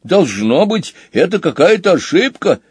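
A cheating storybook hog, nervous and whiny, always defending himself, voiced by a man reading aloud. His voice is raised and a little husky. The sound is dry. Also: high voice, very animated, unhurried, no echo, pitched above the performer's own voice, full character voice.

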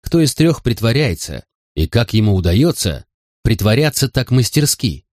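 A man's voice: mid-range voice, very animated, moderate pace, a little mellow, no room sound, studio quality. A man narrating a first-person detective story in an audiobook reading.

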